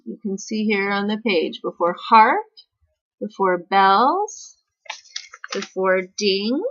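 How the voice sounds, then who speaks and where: Slow, bright-voiced woman teaching music. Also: mid-range voice, animated, dull audio. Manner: patient, step-by-step explaining with frequent "okay?" checks. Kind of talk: recorded music lesson.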